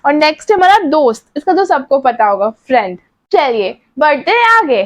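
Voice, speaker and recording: A woman teaching English words, asking what each word is called and then repeating the answer slowly. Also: high voice, sing-song. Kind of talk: vocabulary lesson.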